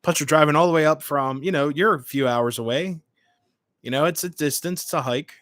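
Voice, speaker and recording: A man's voice: fairly high pitch, brisk, a bit bright, dry recording. Casual young male livestreamer, dry close sound. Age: late 20s. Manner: chatty, informal, hops between short remarks. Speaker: livestream host. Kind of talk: casual livestream chat, reading and answering comments.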